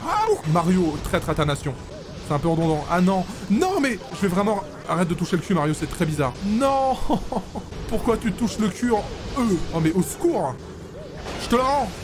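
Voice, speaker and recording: A man's voice: high voice, moderate pace, noisy background. A man giving casual, joking gameplay commentary as a let's play host, swearing freely. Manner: animated, jokey, swears freely. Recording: loud game music behind.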